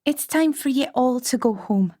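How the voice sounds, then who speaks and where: A man voicing a young, formidable witch woman with a Scottish accent, chiding in brisk dialect, for an audiobook. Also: extremely high pitch, expressive, warm tone, voice pushed up. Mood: firm. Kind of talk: audiobook character voice.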